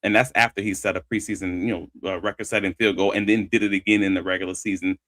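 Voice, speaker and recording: A man's voice: deep voice, steady tone, fast, a bit bright, no room sound, studio quality. A man hosting sports talk, giving conversational analysis and stressing his key points as he argues them. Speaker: sports talk show host.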